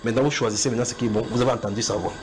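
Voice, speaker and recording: A man's voice: fairly low pitch, steady tone, racing, a little hiss or hum, rough recording. A man preaching a sermon in a house church, often repeating his points and asking his listeners whether they follow. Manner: repetitive, questioning the listeners directly.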